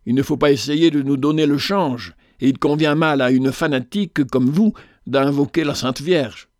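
An agitated, vengeful soldier sergeant, played by a male reader, his voice pitched well up and pushed hard. He talks vehemently, dry and close. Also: moderate pace, dry recording, close to an everyday voice. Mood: scornful. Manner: excited, vehement. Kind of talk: storybook reading.

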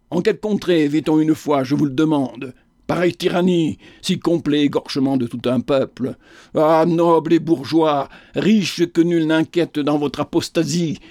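A man's voice: a little high, darkish tone, no echo, clean studio sound, close to an everyday voice. A man voicing a wrathful, grieving old peasant prophet who preaches in impassioned tirades. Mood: accusing.

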